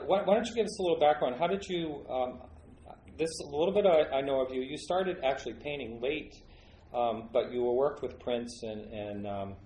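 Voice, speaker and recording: A man with a warm, medium-pitched voice hosts an interview podcast, firing off eager, meandering questions packed with fillers. The casual chat is recorded in a large, roomy home studio with faint ambience and a slight hiss or hum.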